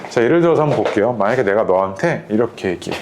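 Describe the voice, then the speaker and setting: Male math teacher, relaxed lecturing voice, keeps checking in with students, faint background hiss. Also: on the low side, very fast.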